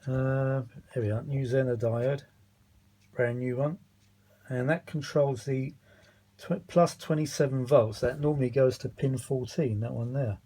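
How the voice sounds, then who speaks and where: Unhurried and warm, his steady mid-range voice belongs to a tired British vintage audio repair vlogger. He offers loose, unscripted commentary, grumbling and muttering with mild swearing, exasperated as he searches for words.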